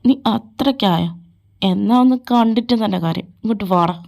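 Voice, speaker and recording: A woman's voice: creaky, darkish tone, close to an everyday voice. A woman voicing a jealous, possessive young man in a fan audio drama, taunting and domineering. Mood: menacing. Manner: taunting, domineering, slow and low. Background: faint background music.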